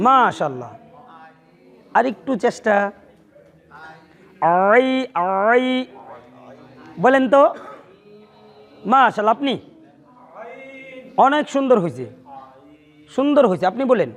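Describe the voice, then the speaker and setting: A man teaching a class, coaxing his students to repeat letters after him and praising their tries. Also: very high-pitched. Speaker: Quran teacher. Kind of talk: classroom lesson with call-and-response drills. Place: classroom with a board.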